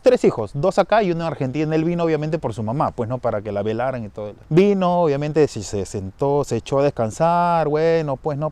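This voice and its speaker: A man's voice: a little high, darkish tone, clean tone, dry recording. A man with a Peruvian Spanish accent casually recounting a family ghost story, rambling with restarts and tag questions. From Peru. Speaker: storyteller sharing a personal experience. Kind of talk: casual spoken anecdote.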